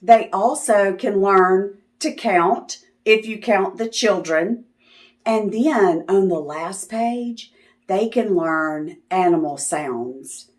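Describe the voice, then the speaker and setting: A children's video host reads a picture book aloud to young listeners, taking it slowly in a mid-range voice. Her sing-song, teacherly approach involves asking questions and affirming replies.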